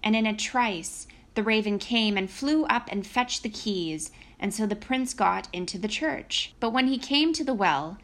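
A woman storyteller giving an expressive narration of a fairy tale. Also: mid-range voice, a little slow, hardly any pauses.

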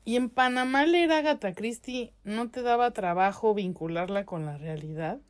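A woman's voice: fairly high pitch, normal speed. A woman interviewer asking curious, probing questions.

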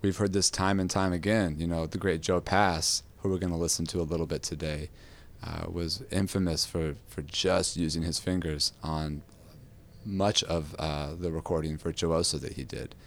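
A guitar podcast host talks in a loose, meandering way, full of fillers, his voice raspy with a cold. He speaks low and at an ordinary pace.

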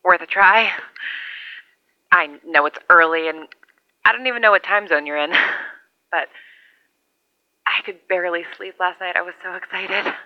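A woman's voice: fairly low pitch, unhurried, long pauses, dry recording, dull audio. A woman playing a wry, lonely survivor who rambles into a two-way radio, heard through it. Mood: hopeful. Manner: rambling, self-deprecating, wry. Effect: transmitted over a two-way radio. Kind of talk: audio drama monologue.

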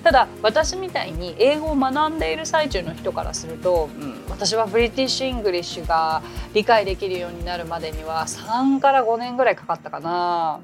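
Hosting a casual podcast lesson, this woman, an English teacher, speaks in a lively, chatty manner full of quick asides. Her pitch is medium, and she talks over music.

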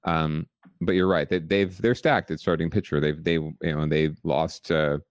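Deep-voiced man in casual sports chat. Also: steady tone, moderate pace, no echo, clean studio sound. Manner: conversational, many fillers and restarts, wry humor. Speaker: podcast co-host.

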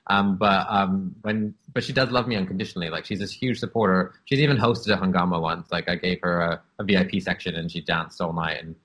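A husky, low-voiced man in his thirties from Canada shares his life story as an interview guest, open and reflective, peppering it with "um"s and "like"s. His tone is steady and fairly bright, and he talks fairly quickly with hardly any pauses in this candid personal storytelling.

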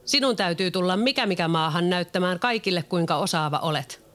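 A storyteller voicing a boastful, excitable boy who never grows up, in a lifted voice. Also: medium pitch, natural voice.

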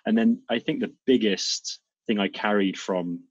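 A young man from Serbia, a guest in a casual conversation, talking in a relaxed, rambling way with many fillers. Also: fairly low pitch, unhurried, breathy edge, dry recording, highs cut off.

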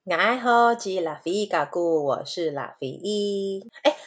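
A woman's voice: mid-range voice, takes it slowly. A young woman co-hosting a casual chat, curious and asking lots of questions. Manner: curious, asks questions, lively delivery. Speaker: podcast co-host.

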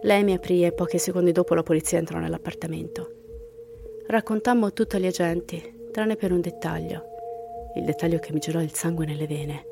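A woman's voice: lowish voice, a little fast, gravelly, music in the background. A woman hosting a podcast, reading listener horror stories and reacting with laughs, sometimes sinking to a whisper for the eerie parts. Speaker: podcast host.

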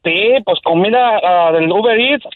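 A man calling in to a comedy radio show, telling his story in a deadpan, complaining way. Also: high voice, moderate pace, no echo, phone-quality sound. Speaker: caller.

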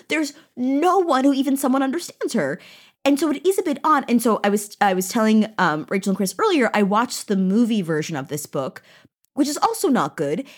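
A woman co-hosting a casual book podcast, animated and swearing freely as she acts out quotes from the story. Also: a little high. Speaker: podcast co-host.

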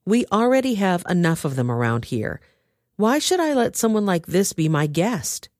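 A woman's voice: lowish voice, sing-song, moderate pace, darkish tone, no room sound, clean studio sound. A woman reading the part of a foreign king who mocks a madman. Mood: scornful. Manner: mocking. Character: scornful foreign king, mocking.

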